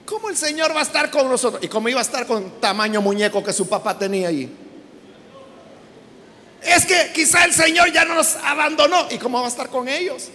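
A man preaching a sermon, emphatic, with sudden shouted words and rhetorical questions. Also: very high voice, slight background noise. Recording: long reverb of a large hall.

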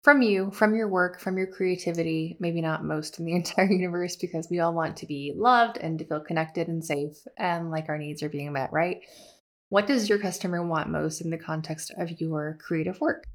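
Her voice is on the low side and her pace moderate. She hosts a podcast about the art business and teaches art, delivering a casual monologue that's chatty, self-mocking, and upbeat in its emphasis.

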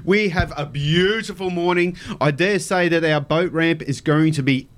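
A man's voice: a little high, normal speed. An Australian man hosting casual radio chat in a blokey, slangy tradesman manner. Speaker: radio fishing show host. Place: radio studio.

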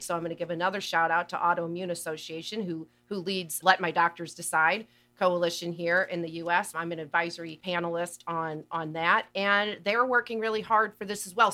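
A woman's voice: mid-range voice, sharp tone. A woman patient advocate speaking as a guest in an interview, earnest and passionate, often restarting phrases. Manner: earnest, passionate, repeats words when thinking. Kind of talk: conversational interview.

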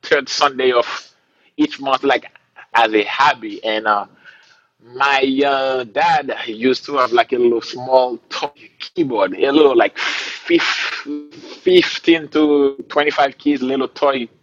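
A man's voice: mid-range voice, slow, a bit bright, lo-fi sound. A man from Haiti, a musician, talking in a laid-back way with fillers and laughs in a casual interview. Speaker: musician guest.

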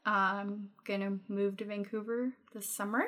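A Danish woman in her twenties, a podcast guest, speaks English with a Danish accent in a medium-pitched, fairly bright voice. Her delivery is flat and unhurried, yet she talks frankly about personal matters in casual conversation and laughs often between thoughts.

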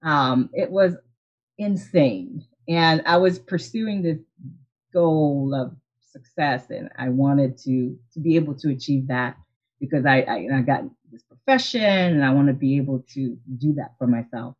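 A woman's voice: extremely low pitch, unhurried. Earnest woman telling her story, lo-fi. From Haiti. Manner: earnest, reflective, with frequent restarts and soft laughs. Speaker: optometrist and practice owner, guest. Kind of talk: casual interview storytelling. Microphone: video call. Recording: lo-fi video call audio.

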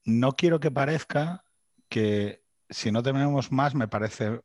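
A man's voice: mid-range voice, a little slow, no echo. A man hosting a podcast, a father of three, chatting casually in a hesitant, thinking-aloud way. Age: young adult to middle-aged, father of three. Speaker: podcast host. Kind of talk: casual chat.

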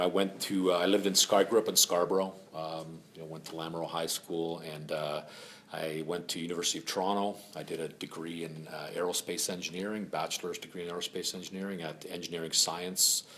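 A man's voice: low voice, little pitch movement, fairly quick, a bit bright, a little hiss or hum. A middle-aged man from Finland telling his life story at a lunch meeting in a frank, rambling way with many fillers. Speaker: speaker at a member spotlight. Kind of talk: casual personal story.

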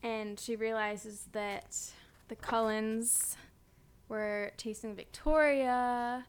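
A young woman with a slightly high voice chats about a book. She is giggly and acts out lines from the scenes as she talks. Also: fairly even intonation, very slow, clear, resonant tone. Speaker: podcast co-host. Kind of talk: casual book-discussion chat.

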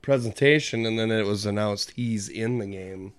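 A man's voice: on the low side, moderate pace, clean tone. A man in casual chat with friends, dropping dry, joking asides.

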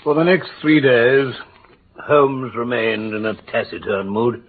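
An actor playing a genial, bumbling, gallant English gentleman doctor in classic radio drama, with a blustery, hesitant manner. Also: medium pitch, a little slow, slight background noise, lightly acted. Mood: narrating. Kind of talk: classic British radio drama acting and narration. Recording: muffled old radio broadcast.

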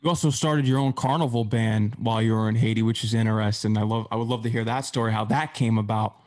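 A man's voice: lowish voice, steady tone, fast, darkish tone. Upbeat male interview host. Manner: upbeat, plugs releases.

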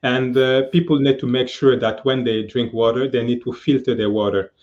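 A man in his fifties talks over a video call, earnest and halting, filling his pauses with "uh". His pitch sits in an ordinary middle range. The sound is a little dull and muffled, as video-call audio often is. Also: fairly even intonation, a little mellow. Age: 50s. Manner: earnest, halting with many fillers. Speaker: guest speaker. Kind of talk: casual live-stream interview.

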